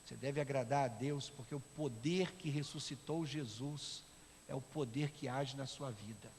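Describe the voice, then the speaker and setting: A man with a Brazilian Portuguese accent preaching a sermon as pastor, swinging from loud shouting to hushed, quiet speech. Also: mid-range voice, moderate pace, slight background noise. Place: church sanctuary. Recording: long church reverb with soft instrumental music.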